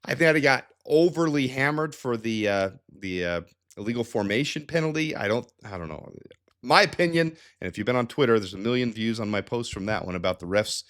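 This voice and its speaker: A man hosting a sports analysis show runs casually through stats, sounding slightly nasal and stuffed-up from a head cold. His medium-pitched voice moves briskly, energetic and chatty, with frequent restarts and asides.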